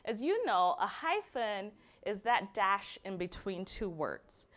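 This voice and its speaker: A young adult woman from Barbados with a Barbadian accent, giving a prepared personal talk and slowing down to stress key words. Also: mid-range voice, very animated, a bit bright.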